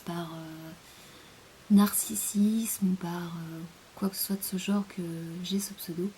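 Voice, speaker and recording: A woman's voice: mid-range voice, dark tone, slight background noise. A young French woman chatting in a casual rambling monologue, hesitant, with many fillers, often sinking to a near-whisper. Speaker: vlogger.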